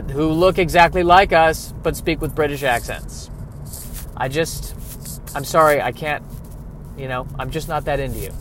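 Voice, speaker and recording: A man's voice: on the high side, fairly bright tone, slight background noise. A man voicing a personified Science who phones a film to apologetically let it down, hesitant and stammering. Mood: exasperated. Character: awkward personified Science phoning a movie.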